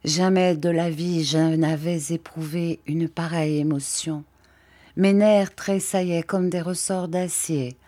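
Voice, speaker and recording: A woman narrating a classic tale aloud with a measured, expressive delivery. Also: fairly low pitch. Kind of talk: literary story reading.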